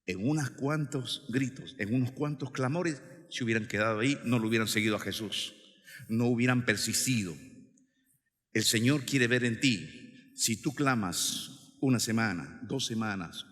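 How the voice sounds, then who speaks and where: A man preaching a fiery sermon, swinging between loud exclamations and low, slow asides, calling listeners brother and son. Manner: calls listeners "hermano" and "hijo". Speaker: pastor. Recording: long hall reverb.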